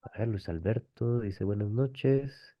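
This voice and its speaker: With a fairly low voice, this Colombian man takes his time while hosting an online webinar about a language method. He explains patiently over a video call, using lots of rhetorical tag questions, and the call audio sounds dull and lo-fi.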